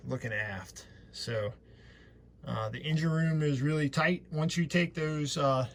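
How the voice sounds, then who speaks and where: A man hosting a casual walkthrough vlog, explaining things in an easygoing, somewhat hesitant way. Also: mid-range voice. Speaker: boat owner and vlog host. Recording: noisy camera audio, clear background noise.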